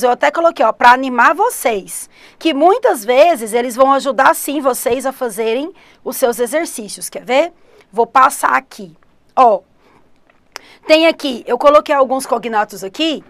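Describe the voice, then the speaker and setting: A middle-aged Brazilian woman teaching an online English exam-prep lesson, lively and speaking straight to her students. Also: high-pitched, dry recording. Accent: Brazilian Portuguese. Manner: lively, addresses students directly, refers to herself as teacher.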